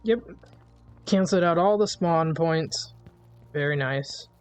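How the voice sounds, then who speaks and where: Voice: mid-range voice, slow pace, a little mellow, clear, resonant tone, faint music behind. A streamer giving casual, jokey commentary while playing a game, easygoing and laughing often.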